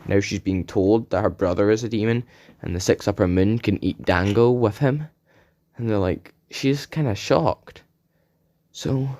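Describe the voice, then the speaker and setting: Man, low voice, casual rambling fan-story telling, self-correcting. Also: darkish tone.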